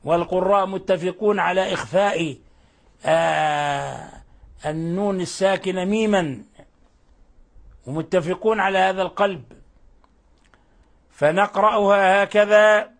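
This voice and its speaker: A man's voice: high voice, fairly even intonation, measured pace, pauses often. A man teaching a tajweed lesson on Quran recitation, explaining the rules patiently and often repeating and correcting his phrases.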